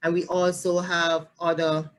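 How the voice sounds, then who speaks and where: Low-voiced Jamaican woman, earnest. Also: little pitch movement. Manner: earnest, halting, rephrases often. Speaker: family support specialist. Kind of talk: interview answers.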